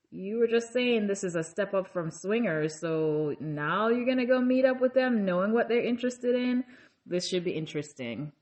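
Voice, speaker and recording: A woman hosts a casual reality TV episode recap, chatting conversationally with lots of fillers and asides. When she quotes someone, she acts out the lines in a raised pitch.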